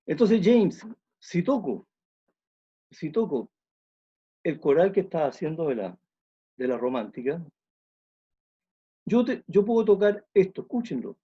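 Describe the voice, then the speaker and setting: A man's voice: high-pitched, sing-song, normal speed, long pauses, slightly rough, lo-fi sound. A man, an orchestra conductor giving an online music talk, explaining thoughtfully and repeating phrases as he thinks.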